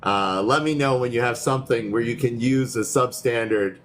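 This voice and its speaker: A man's voice: mid-range voice, moderate pace, noisy background. A man hosting a livestream, chatting casually in a loose, easygoing way, with many fillers and restarts. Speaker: livestream host. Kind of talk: casual chat.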